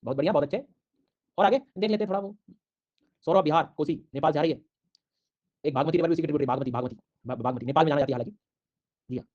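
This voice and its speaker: A man's voice: on the high side, racing, long pauses, lo-fi sound. A man teaching a live online geography class, drilling names over and over and teasing sleepy students. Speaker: online exam-prep teacher.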